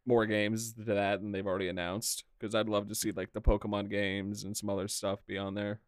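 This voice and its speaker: A man's voice: on the low side, little pitch movement, brisk, clean tone, no room sound, clean studio sound. A man co-hosting a casual gaming podcast, eagerly explaining game features at length. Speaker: podcast co-host. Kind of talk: casual chat.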